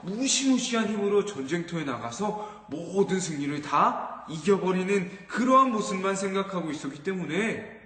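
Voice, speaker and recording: A high-voiced man tells a story to children in an animated sermon, often stopping to ask them questions. His voice rings through a large, echoey hall with a long reverb tail. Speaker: children's ministry teacher.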